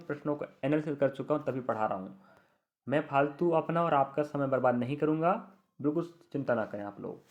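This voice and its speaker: A young adult man gives an online reasoning lesson in a fairly high voice, speaking straight to his students. He repeats key words and keeps reassuring them. The recording is muffled and lo-fi. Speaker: exam coaching teacher.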